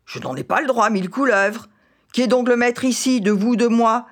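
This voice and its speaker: A woman's voice: a little high, moderate pace, voice pushed up, natural voice. A woman reading aloud as a furious, domineering older colonel who blusters and hurls insults at his wife. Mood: angry. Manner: blustering, insulting, indignant questions.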